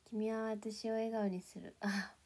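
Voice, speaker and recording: A young woman chatting casually to viewers on a livestream, playful and giggly, sometimes dropping into soft whispers. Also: medium pitch, flat delivery, slow pace. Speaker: idol livestreamer.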